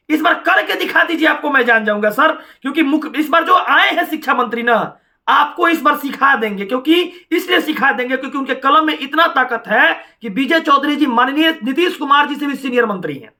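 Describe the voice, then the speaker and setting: A man's voice: very high-pitched, sharp tone. A man giving combative, taunting political commentary, firing questions at officials.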